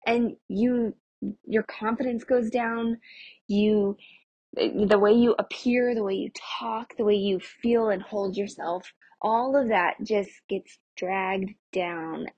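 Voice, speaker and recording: Husky-voiced young woman, chatty podcast host. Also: mid-range voice, steady tone, slow, a little mellow, dry recording, highs cut off. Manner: chatty, informal, addresses listeners as friends. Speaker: podcast host of a nutrition show for mothers. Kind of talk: casual solo podcast talk.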